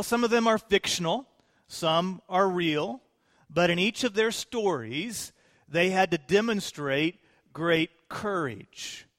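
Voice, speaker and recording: A man's voice: fairly high pitch, fairly bright tone. A man preaching a sermon as pastor from a pulpit microphone in a church, casual and joking, putting questions to the congregation. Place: church sanctuary. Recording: long hall reverb in a church.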